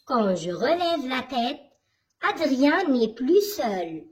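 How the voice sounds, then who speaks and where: She's a primary school teacher giving a reading lesson, taking the children through the text with slow, deliberate, questioning instruction. The voice is high-pitched and animated, the pace measured.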